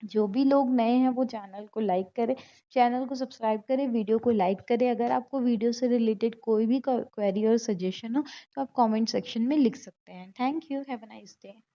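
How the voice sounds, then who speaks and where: A woman teaching an exam-prep lesson, explaining each answer step by step and reading the English options out slowly. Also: on the high side, lo-fi sound.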